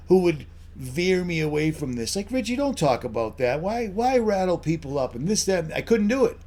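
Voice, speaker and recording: A middle-aged American man who hosts an online channel delivers an off-the-cuff solo commentary. His voice is a little high and gravelly, and his manner is blunt and insistent, often throwing rhetorical questions at the listener.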